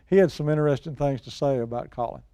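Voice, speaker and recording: Mellow, folksy man. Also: medium pitch, quick pace, clean tone, no room sound. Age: middle-aged or older. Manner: folksy, plain-spoken. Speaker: guest expert and outdoors show personality. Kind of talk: casual hunting talk and storytelling.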